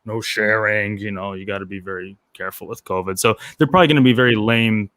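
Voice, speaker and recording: A man's voice: fairly low pitch, quick pace, a bit bright, dry recording. A man co-hosting a casual talk show, telling light news stories in a loose, chatty way with many fillers. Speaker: co-host.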